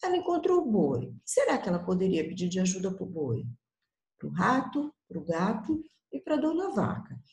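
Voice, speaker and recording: A woman's voice: fairly low pitch, very animated, normal speed, vocal fry, darkish tone. A Brazilian woman teaching young children in Portuguese, patiently explaining step by step and checking in with them often. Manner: patient, coaxing, uses small diminutives and checks in often. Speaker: primary school teacher. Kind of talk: recorded class for young children. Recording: echoey room.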